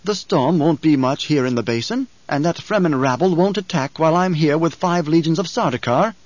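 A male narrator puts on a cold, imperious emperor with an exquisitely controlled baritone. Each word comes out pitched up, louder and sharper, dripping with polite contempt. The recording is dry and slightly dull. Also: expressive, brisk, no room sound, natural voice. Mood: scornful.

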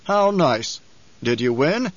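A man voicing an older tyrant baron for an audiobook, coldly controlled and scheming, with a mocking, deliberate, imperious manner. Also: fairly high pitch, very animated, no room sound, exaggerated voice. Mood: menacing calm. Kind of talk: audiobook character voice. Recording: slightly dull, lo-fi audio.

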